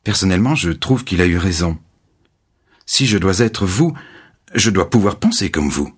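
A man reading the part of a composed young woman writer in a spoken story, with gentle, measured replies. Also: low voice, big pitch swings, husky, exaggerated voice. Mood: earnest.

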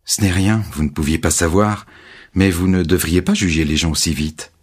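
A man reading the part of a composed young woman writer in a spoken story, with gentle, measured replies. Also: low-pitched, steady tone, husky. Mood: earnest.

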